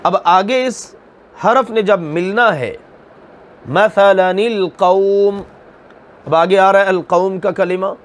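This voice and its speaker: Male Quran teacher, high-pitched, slow and methodical; asks his own questions, then drawls out the examples. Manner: slow, deliberate explaining, asking and answering his own questions; draws out recited examples syllable by syllable. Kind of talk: recorded tajweed lesson.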